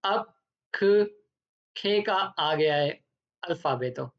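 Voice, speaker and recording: A woman teaching the alphabet in a language lesson. She speaks slowly and deliberately, spelling words out letter by letter, repeating each one and then giving its meaning. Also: low-pitched, lively intonation, a bit bright. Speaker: Spanish teacher. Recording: dull lo-fi recording.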